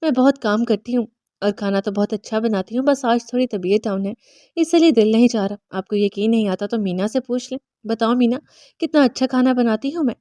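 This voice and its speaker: A woman's voice: fairly high pitch, mellow, dry recording, natural voice. A woman reading the lines of a careless young daughter-in-law making excuses. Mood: chirpy.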